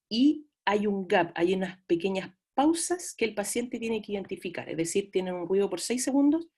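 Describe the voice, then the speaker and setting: A middle-aged woman with a Chilean accent, giving a relaxed online class lecture and chatting to her students between fillers. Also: mid-range voice, husky. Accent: Chilean Spanish. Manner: chatty, addresses students as "chiquillos", frequent fillers. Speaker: lecturer in audiology.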